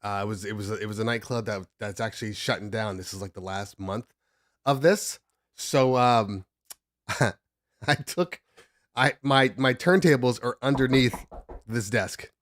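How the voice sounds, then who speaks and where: This DJ livestream host speaks at a fairly low pitch, unhurried and a bit bright, in a dry, studio-quality recording. Congested and freshly awake, he rambles, jokes and cuts himself off while getting set up at his desk at home.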